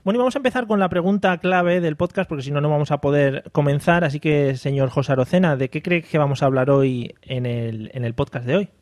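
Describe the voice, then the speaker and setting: A man's voice: fairly high pitch, quick pace, few pauses, darkish tone, no room sound, studio quality. A man hosting a casual podcast chat, joking and laughing often. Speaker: podcast host.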